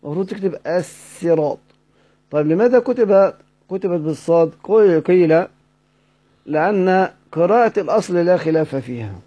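A man's voice: fairly high pitch, warm tone. A man with an Egyptian accent giving a recorded lecture, asking his students questions, answering them himself and repeating the key points. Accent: Egyptian Arabic. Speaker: teacher. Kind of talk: recorded lecture explaining a text. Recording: dull lo-fi recording.

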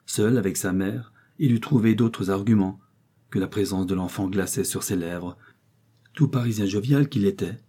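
A man narrating a novel as an audiobook reader in a measured, even way. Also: on the low side, husky. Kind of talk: scripted narration.

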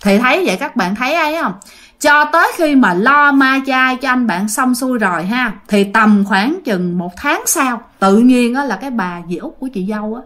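A woman's voice: on the high side, lively intonation, moderate pace, a bit bright. Chatty woman storyteller. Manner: chatty, addresses listeners directly. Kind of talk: casual ghost-story telling.

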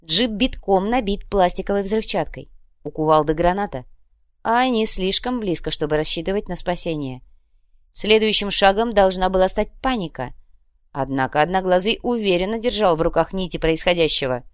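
A woman reading a story aloud in an even, steady narrating voice. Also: fairly low pitch, moderate pace, smooth, no room sound, studio quality. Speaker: audiobook narrator. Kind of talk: scripted narration.

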